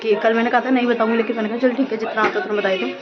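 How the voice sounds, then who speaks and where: A woman's voice: on the high side, steady tone, rapid-fire, lo-fi sound, loud music behind the voice. A woman in her thirties, chatting casually and rambling while she shows her day and cooks at home. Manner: chatty, rambling, self-deprecating. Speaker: home vlogger. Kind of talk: casual home vlog with cooking.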